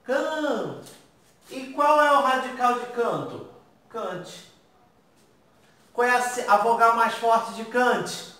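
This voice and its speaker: With a high, bright, and forceful voice, a man leads a grammar class, answering his own questions and checking in with students often. The sound is distant and echoey, with faint noise.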